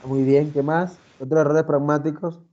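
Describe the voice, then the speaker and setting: A man's voice: a little high, steady tone, normal speed, dark tone, muffled recording. A man teaching an online class, lecturing and often asking the students questions. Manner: talkative, asks the class questions, many fillers.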